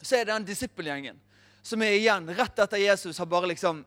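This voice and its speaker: A man in his thirties preaching, telling a funny personal story in an animated, self-mocking way. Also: high voice. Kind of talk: storytelling sermon.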